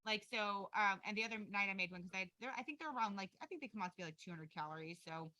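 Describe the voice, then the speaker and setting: A chatty woman talks on a video call, coaching her group in an upbeat, rambling way full of little fillers. Her voice is mid-pitched and sounds close and dry, with no room around it. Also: very fast, pushed and bright, no room sound, rough recording. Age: adult with a young daughter. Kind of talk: casual video call chat.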